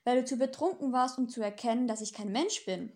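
A woman voicing a gentle, well-meaning male angel in an audiobook, earnest and primly polite. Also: fairly high pitch, a little fast, close to an everyday voice. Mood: friendly. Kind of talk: audiobook character reading.

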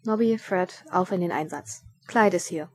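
Woman reader as a harried male watch chief, gruff, commanding, shouting in an audiobook. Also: fairly low pitch, moderate pace, close to an everyday voice. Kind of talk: audiobook reading.

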